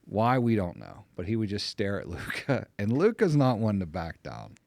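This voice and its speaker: Low-voiced middle-aged Pittsburgh-area dad. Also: male voice, moderate pace, creaky, no room sound. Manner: animated anecdote teller, voice jumps up when amused. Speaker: podcast guest. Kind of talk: casual storytelling chat.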